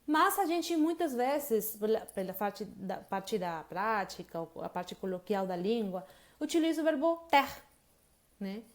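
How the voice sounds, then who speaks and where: A woman's voice: medium pitch, very animated, measured pace. A woman with a Brazilian Portuguese accent giving a casual grammar lesson, chatty and always checking in with the listener. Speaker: English teacher.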